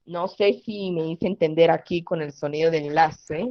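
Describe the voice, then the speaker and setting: A woman's voice: low-pitched, normal speed, no room sound, lo-fi sound. A woman teaching an online Korean class, patiently checking in with "¿ok?" and "¿cierto?". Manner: patient, repeats "¿ok?" and "¿cierto?" often.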